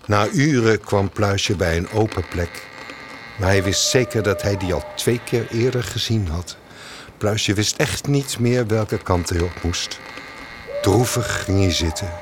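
A man narrating a children's story in a calm, expressive scripted style. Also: on the low side, a little slow, noisy background.

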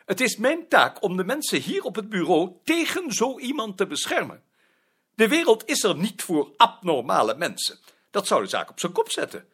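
A man's voice: high-pitched, huge pitch swings, moderate pace, a bit bright, husky, exaggerated voice. An actor playing a prim male office director who talks hesitantly, stammering now and then. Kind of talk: drama acting.

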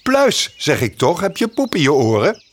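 A man voicing a cheeky male mockingbird in a children's audio story, with a high, teasing voice. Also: huge pitch swings, normal speed. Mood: indignant.

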